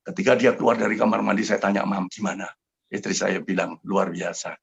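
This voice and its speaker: An older man preaching and telling his own story to a congregation on a video call, fervent and swinging from quiet to loud. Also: lowish voice, steady tone, a little fast, vocal fry, breathy edge, highs cut off. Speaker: pastor. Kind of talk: sermon with testimony.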